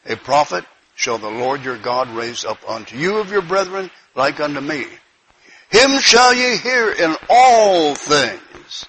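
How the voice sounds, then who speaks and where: Man, preacher, sermon, reads old scripture aloud, bright forceful tone, repeats phrases. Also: a little high, slight background noise, low-quality recording. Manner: emphatic, repeats phrases, exclaims praise; reads King James verses aloud.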